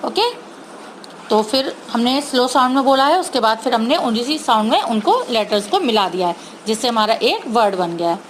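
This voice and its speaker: A woman teacher giving an online Hindi lesson to young children, sounding out words slowly and patiently, mixing English words into her Hindi. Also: a little high, animated, a little hiss or hum, low-quality recording. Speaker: primary school teacher.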